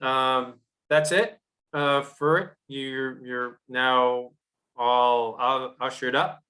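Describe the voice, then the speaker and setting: A man training ushers in a casual question-and-answer session, talking haltingly with many fillers. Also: medium pitch, fairly even intonation, sharp tone. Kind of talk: casual Q&A on a video call.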